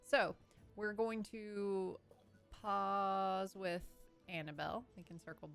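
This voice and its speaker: A woman's voice: medium pitch, fairly even intonation, slow, gravelly, fairly bright tone, smooth, faint music behind. A woman serving as dungeon master on a live tabletop game stream, talking in a rambling, casual way with trailing fillers.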